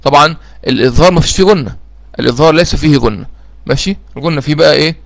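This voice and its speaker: A man's voice: a little high, racing, gravelly. A man with an Egyptian accent teaching a recitation lesson, repeating key phrases and checking that listeners follow. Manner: repetitive, drills key phrases, asks listeners if they follow. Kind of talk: explanatory lesson.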